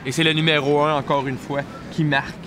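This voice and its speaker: Male sports analyst, Quebec French accent, higher-than-average pitch, live colour commentary, clear background noise. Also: little pitch movement, fairly quick. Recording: clear venue noise behind.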